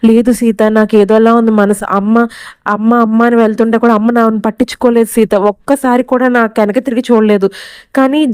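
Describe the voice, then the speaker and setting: A woman's voice: a little high, flat delivery, fairly quick, darkish tone, clear, resonant tone, dry recording, studio quality, close to an everyday voice. A woman reading the lines of a sorrowful young man who pleads to see his mother. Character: grieving young husband missing his mother.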